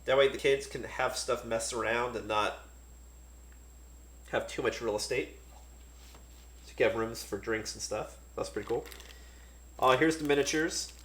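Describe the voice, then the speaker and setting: A man casually talking through a board game unboxing, relaxed and thinking aloud with many fillers. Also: mid-range voice, normal speed, long pauses, roomy sound.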